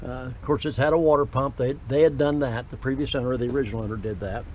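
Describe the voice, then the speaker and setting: Wind roars across the camera's built-in mic as a car dealer presents a vehicle outdoors, raising his voice to be heard. He talks quickly in a steady, medium-pitched voice, rambling and jumping between points, and the audio quality is poor.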